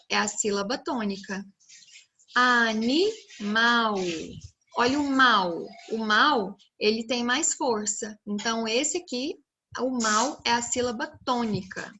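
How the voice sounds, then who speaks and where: A woman teacher with a Brazilian Portuguese accent records a video lesson for young children. Her voice sits a little high, and she speaks slowly and clearly, drawing out each syllable as she sounds words out. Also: a bit bright, a little hiss or hum.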